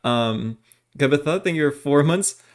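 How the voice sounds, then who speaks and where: A male streamer with a slightly high voice chats casually while gaming at normal speed. He reads out thanks for subscriptions one viewer at a time, in a flat list.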